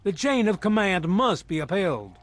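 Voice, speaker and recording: Haughty military villain, animated pitch. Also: male voice, a little hiss or hum. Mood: proud, defiant. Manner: formal, deliberate, haughty. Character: stern military villain officer, proud, menacing, fiercely loyal. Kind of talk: dramatic video game dialogue.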